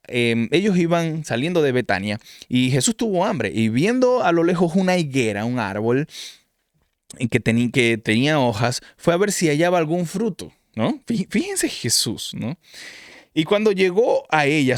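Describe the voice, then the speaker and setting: A male preacher gives a sermon in an animated storytelling manner, with frequent restarts, chuckles and rhetorical "¿no?". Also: mid-range voice, no echo, clean studio sound.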